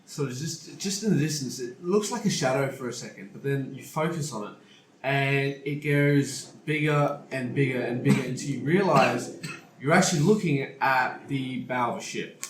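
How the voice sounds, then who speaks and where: A man of ordinary pitch is running a tabletop game, talking through the scene in a relaxed and halting way. He often stops and restarts his sentences. One mic on the table picks him up, so the sound is roomy with faint background noise. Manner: casual, hesitant storytelling with restarts. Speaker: game master. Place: room with friends around a table. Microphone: single shared mic on the table.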